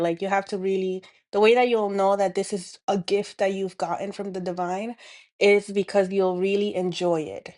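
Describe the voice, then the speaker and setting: A Dominican woman, speaking with a Dominican Spanish accent, gives an earnest spiritual healing talk to camera, a reflective monologue with frequent fillers and restarts. Her voice is mid-range with a darkish tone.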